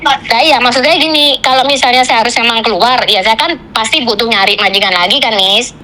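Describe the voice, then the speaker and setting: A woman on a phone call, venting about her job in rushed, broken sentences. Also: a little high, pushed and bright, a little hiss or hum. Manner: venting, tells a story in rushed fragments with Javanese fillers. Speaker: caller, migrant domestic worker. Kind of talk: casual chat.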